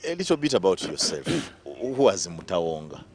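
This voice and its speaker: Very deep host guy, asks lots of questions, repeats stuff back, bit of hiss. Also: big pitch swings, measured pace. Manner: probing, repeats the guest's answers back. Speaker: talk show host. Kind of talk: interviewer questions. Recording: faint background noise.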